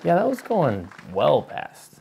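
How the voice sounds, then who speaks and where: Gravelly man giving casual sports analysis. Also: on the high side, huge pitch swings, slow pace, dark tone, slight background noise, low-quality recording. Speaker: disc golf co-commentator. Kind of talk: casual sports color commentary.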